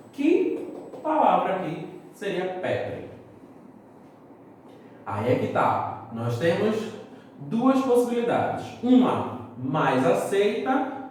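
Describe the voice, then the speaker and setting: A male teacher giving a lesson, moving through each point slowly and checking in often with his students. His voice rises and falls a lot and sits a little high. He is picked up from a distance in a very echoey classroom. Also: darkish tone, a little hiss or hum. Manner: explains step by step, checks in with students.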